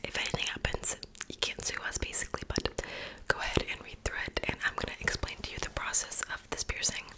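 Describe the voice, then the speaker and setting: A woman doing an ASMR whispered role-play as a piercer, speaking in an unvoiced, breathy whisper with a soft, casual, reassuring manner. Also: quick pace. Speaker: ASMR creator playing a piercer.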